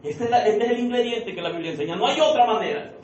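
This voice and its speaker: High-voiced preacher in an echoing church. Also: male voice, quick pace, a little mellow, a little hiss or hum. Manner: fervent preaching with repeated rhetorical questions; addresses the congregation as beloved brother. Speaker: pastor. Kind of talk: sermon. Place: church sanctuary. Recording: echoey room from far off, dull and lo-fi.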